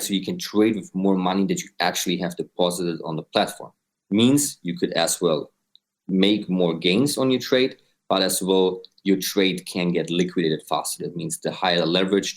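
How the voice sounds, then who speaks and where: In explanatory interview answers, a deep-voiced young Austrian man in his twenties who co-founded a crypto company breaks things down step by step, frequently adding "right?".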